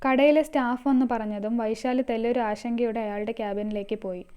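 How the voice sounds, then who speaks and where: A woman's voice: fairly high pitch, fairly even intonation, fairly quick, dark tone, smooth. A woman narrating a scripted story, reading all the characters herself. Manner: reads all characters herself, mostly in her own voice.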